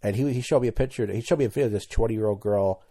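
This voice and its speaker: A man's voice: on the low side, rapid-fire, mellow. A man in his thirties hosting a solo podcast, talking casually and candidly, rambling and tripping over his words as he goes. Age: 30s. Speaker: podcast host.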